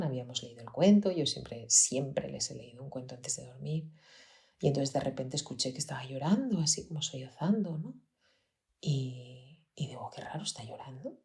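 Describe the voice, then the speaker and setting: A woman with a Peninsular Spanish accent and a strikingly low, deep voice, hosting a podcast. She tells a personal story in an earnest, reflective way. She often sinks to a near-whisper. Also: a little mellow. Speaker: podcast host, pediatrician.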